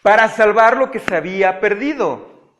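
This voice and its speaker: A man teaching a Bible study, animated and often checking with his listeners. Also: high-pitched, moderate pace. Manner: animated, asks the audience frequent checking questions. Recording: audio-only recording of a live talk.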